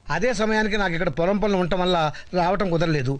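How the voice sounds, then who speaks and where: A man's voice: high-pitched, fast talker, no room sound, close to an everyday voice. An actor voicing a middle-aged village father reading his letter in voice-over, plain-spoken. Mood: wry.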